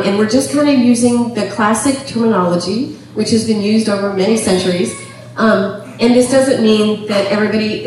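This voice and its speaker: A middle-aged woman giving a chatty talk to an audience, laughing often and filling pauses with ums. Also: mid-range voice, darkish tone, a little hiss or hum. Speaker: speaker on temperament. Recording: echoey room from far off.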